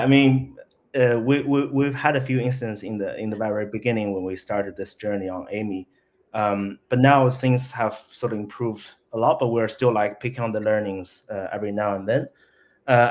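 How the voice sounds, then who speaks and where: A company CEO with a fairly low-pitched voice appears as an interview guest. He speaks casually and haltingly, frequently restarting his sentences.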